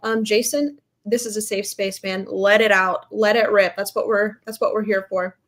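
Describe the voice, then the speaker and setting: A woman co-hosting a sports podcast, brisk and joking as she hands off segments and brings on guests. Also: mid-range voice, steady tone, fairly bright tone. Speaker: podcast co-host. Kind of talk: casual podcast sports chat.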